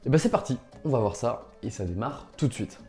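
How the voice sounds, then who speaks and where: A man's voice: mid-range voice, animated, brisk, mellow, soft background music. A young man hosting a YouTube video, talking casually and directly to viewers. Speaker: YouTube host. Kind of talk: casual presentation to camera.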